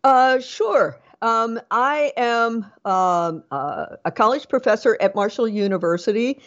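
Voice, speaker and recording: A woman's voice: a little high, lively intonation, unhurried, lo-fi sound. A middle-aged woman, an author and professor, answering interview questions with many ums and restarts. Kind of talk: podcast interview.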